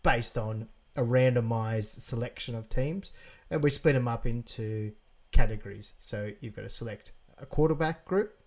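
A man's voice: mid-range voice, normal speed, a little mellow. A man with an Australian accent, casually co-hosting a sports chat show and agreeing easily with his co-host. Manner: laid-back, agreeable, runs a game segment. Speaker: podcast co-host.

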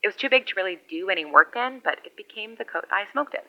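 A woman's voice: medium pitch, lively intonation, fast talker. A woman as a wry survivor over CB radio. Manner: rambling, wry, conversational monologue. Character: lone woman survivor years after collapse, wry. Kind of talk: audio drama radio log. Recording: muffled lo-fi radio sound.

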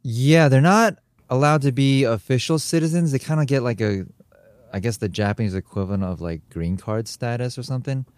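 A dry recording captures a young adult man from America, a podcast co-host, chatting casually; he speaks brisk and medium-pitched, acting out sounds and quotes as he tells stories.

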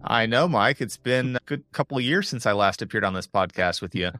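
A man's voice: mid-range voice, animated, fairly quick, bright, forceful tone, dry recording, clean studio sound, soft background music. A man returning to a podcast he used to host, chatting in a laid-back way about his work. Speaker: former podcast host, guest. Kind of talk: casual podcast chat.

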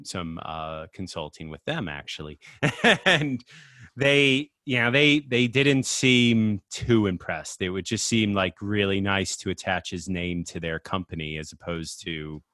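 Low-ish guy cohosting a podcast, rambly, lots of um and you know, dry close sound. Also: fairly even intonation, unhurried, pushed and bright, no room sound. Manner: rambling, many fillers and restarts. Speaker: podcast co-host. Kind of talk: casual chat.

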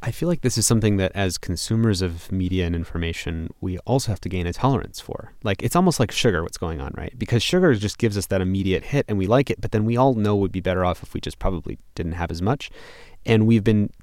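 Low-voiced man musing in an interview. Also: lively intonation, quick pace, darkish tone, no echo, clean studio sound. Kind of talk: conversational interview.

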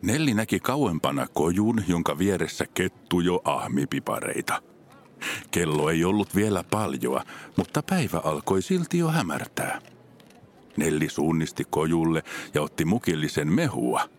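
Deep-voiced man reading a children's story. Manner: expressive storytelling. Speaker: narrator.

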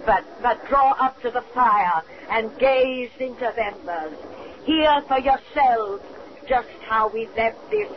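Ancient cackling witch narrator, unhurried folksy drawl, sinister, muffled vintage radio sound. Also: fairly high pitch. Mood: sly, folksy. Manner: folksy, drawn-out, eerie cackling delivery. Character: cackling ancient witch storyteller, over a hundred. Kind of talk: 1930s radio acting. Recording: noisy, muffled 1934 radio recording.

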